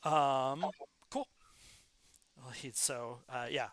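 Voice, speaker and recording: A man narrating as game master in a relaxed way, with many pauses and fillers. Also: mid-range voice, a little hiss or hum. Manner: relaxed, lots of fillers and laughs.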